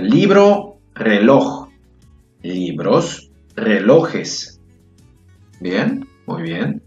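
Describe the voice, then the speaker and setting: Male teacher, unhurried lesson delivery, echoey room, soft guitar bed. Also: mid-range voice. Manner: slow, drawn-out word examples, frequent praise and check-in questions. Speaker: Spanish teacher. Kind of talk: slow grammar lesson with spoken examples. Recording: roomy, dull lo-fi sound with faint guitar music.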